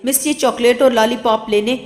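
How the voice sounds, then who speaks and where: A woman's voice: fairly high pitch, steady tone, a little mellow, reverberant, in a large hall, lightly acted. A woman voicing a frightened young schoolboy in a storybook reading, speaking in panicked, broken words. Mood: desperate.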